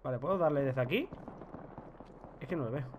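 A man with a Spanish accent from Spain, commenting on his own gameplay, excitable with loud outbursts and self-mocking asides. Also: mid-range voice, fairly quick, phone-quality sound, noisy background. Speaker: gaming YouTuber.

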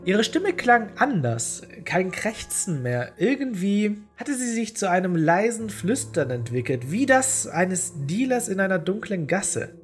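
A woman narrating a story in an even, deadpan manner. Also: medium pitch, unhurried, hardly any pauses, soft background music. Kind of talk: audio horror story reading.

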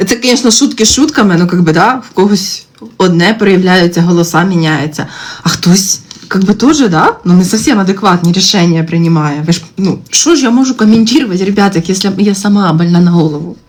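This TikTok host, a woman in her thirties, draws during a casual phone livestream indoors at home. She speaks briskly and expressively, cursing constantly, and her frustrated rants burst into sudden high pitches. There are faint clicks and background noise.

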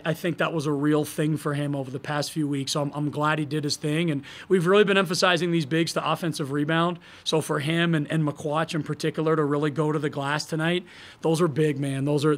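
A man in his thirties, a head basketball coach at a table microphone in a press room, answering post-game questions candidly, thinking aloud with fillers and restarts. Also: on the high side. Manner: gestures broadly while talking. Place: press room in front of a logo backdrop.

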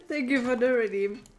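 A woman live-streaming a game, talking to her chat in a relaxed, teasing way. Her voice sits a bit high and she takes her time. A faint hiss of noise lies under her voice. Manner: playful, teasing, talks to chat. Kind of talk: casual live-stream chat while gaming.

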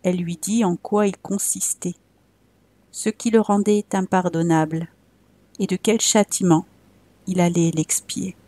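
A woman reading a classic tale aloud as a storyteller, measured and expressive. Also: fairly low pitch, no echo.

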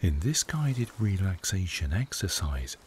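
Soft-spoken low man guiding meditation. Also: sing-song, measured pace, a little hiss or hum. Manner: soft, hushed delivery, often slipping into a whisper. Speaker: meditation guide. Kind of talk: guided meditation narration.

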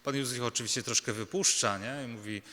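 A male Jesuit preacher delivers a personal sermon with a bright, clear tone. He speaks earnestly, stumbling and restarting, often checking in with the congregation through little rhetorical questions. His voice carries a long reverb from a large church. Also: mid-range voice. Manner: earnest, halting, many fillers and restarts.

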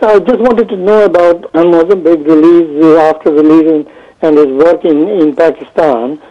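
A man calling in to a talk show over buzzy, glitchy phone audio that breaks up. He asks his question haltingly, with many fillers and restarts. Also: on the high side. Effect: buzzy, glitchy phone call audio that breaks up. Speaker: phone-in caller. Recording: dull lo-fi phone line.

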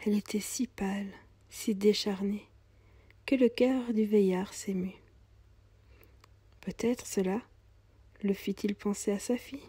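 A woman narrating a storybook tale in a calm, soft voice that sometimes drops almost to a whisper. Her tone is dark and husky, and the recording is dry. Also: medium pitch, dry recording.

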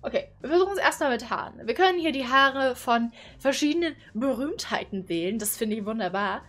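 A woman's voice: fairly high pitch, lively intonation, a little fast, fairly bright tone, faint music behind. A woman of twenty-one, chatty and playful, commenting casually from a small bedroom into a condenser mic. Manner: chatty, playful, exclaims and giggles. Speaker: YouTuber. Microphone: studio condenser mic on boom arm.

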